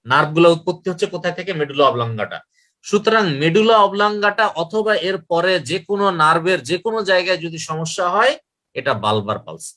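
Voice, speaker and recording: Bright-voiced lecturer man. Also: on the high side. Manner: repetitive, asks and answers own questions. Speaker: medical lecturer. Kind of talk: medical lecture.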